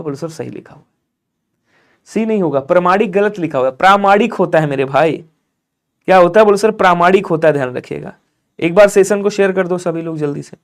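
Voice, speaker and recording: A man teaching a live online exam-prep class, urging viewers to comment quickly and answering in his students' voice. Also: high-pitched. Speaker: Hindi teacher.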